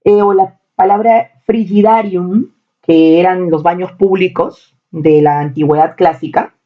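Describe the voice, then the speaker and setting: A woman's voice: lowish voice, fairly even intonation, measured pace, narrow, tinny audio. A woman teaching a recorded spelling lesson, stressing points by repeating key words.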